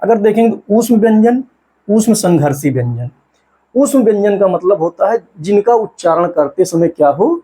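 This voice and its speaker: A man teaching an exam-prep lesson, asking questions and answering them himself, and sounding out syllables slowly. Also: sits high, expressive, mellow, breathy edge.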